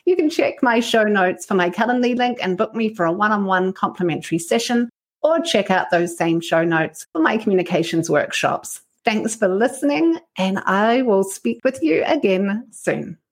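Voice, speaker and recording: A woman speaks with a broad, thick Kiwi accent in the role of a podcast host. Her voice sits at an average pitch for a woman as she talks in an interview style to guest and listeners. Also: lively intonation, moderate pace. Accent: broad New Zealand. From New Zealand.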